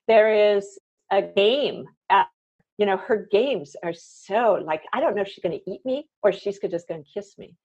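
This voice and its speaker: A woman's voice: mid-range voice, darkish tone. A woman hosting a casual conversation, reflective and rambling, with many fillers. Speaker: host. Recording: dull lo-fi sound.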